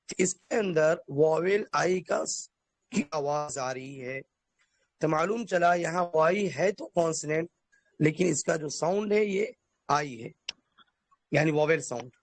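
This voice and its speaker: A man teaching a basic English lesson, explaining letter sounds and spelling words out slowly letter by letter. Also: on the high side, no echo. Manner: addresses listeners formally.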